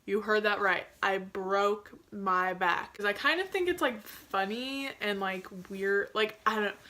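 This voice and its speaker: A woman's voice: medium pitch, animated, normal speed, bright, forceful tone. A young woman telling a casual, gossipy storytime in a chatty, self-mocking way, peppered with "like". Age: young adult. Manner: chatty and gossipy, with heavy filler "like"; self-mocking, jokey delivery. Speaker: video creator telling her own story.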